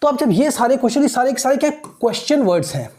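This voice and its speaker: A woman teaching an exam-prep lesson. She reads English lines slowly and explains them quickly, often asking rhetorical questions. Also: high-pitched, expressive, mellow. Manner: asks rhetorical questions, checks in with listeners.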